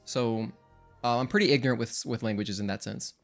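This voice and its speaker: Talking fairly quickly in a mid-range voice with vocal fry, a young speedrunner chats loosely with his stream viewers, rambling and fixing his words mid-sentence. Faint game music plays behind him.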